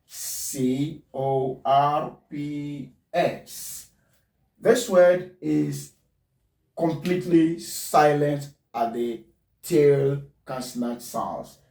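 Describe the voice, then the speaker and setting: A man teaching a pronunciation lesson, spelling words out letter by letter and repeating each one slowly. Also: fairly high pitch, mellow. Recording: roomy, distant mic.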